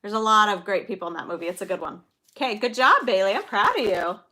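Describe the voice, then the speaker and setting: A woman's voice: mid-range voice, lively intonation, quick pace, sharp tone. A middle-aged woman hosting a casual livestream, chatty and enthusiastic, cheering viewers on by name. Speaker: livestream host. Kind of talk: casual live chat, reading movie quotes.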